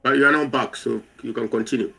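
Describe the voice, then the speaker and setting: A man talking loudly through a remote online call, his voice coming from a distance. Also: medium pitch, steady tone, fast talker, vocal fry. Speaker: call participant.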